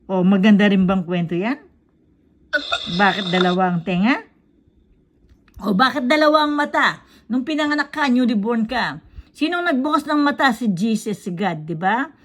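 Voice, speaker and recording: A woman's voice: on the high side, normal speed, long pauses, a bit bright. Woman telling a child a story. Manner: quizzing, checks in with "tama?" after each point. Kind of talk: casual storytelling in mixed Tagalog and English.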